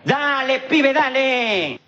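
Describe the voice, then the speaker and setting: Pushed, bright and fully in character, a man's very high voice stretches out words with lively intonation as he plays a swaggering Rioplatense hustler in a TV comedy sketch. The comic actor's monologue rambles in heavy slang, punctuated by repeated "all right?" checks. Audio comes from dull lo-fi 1990s TV tape, faint hiss included.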